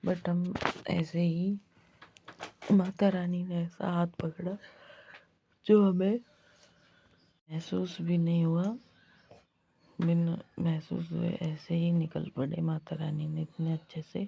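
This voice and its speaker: A woman vlogger narrating her pilgrimage walk in a soft, devout way. She has a husky, strained voice from ongoing throat trouble. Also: lowish voice, flat delivery, highs cut off. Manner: slow, soft-spoken and devout. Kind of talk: travel vlog voice-over.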